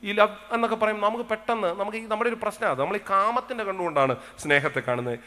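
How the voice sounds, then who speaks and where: A male pastor preaching a sermon to a congregation, with a Kerala Malayalam accent, swinging between loud exclamations and soft asides. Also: sits high, rapid-fire. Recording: long hall reverb.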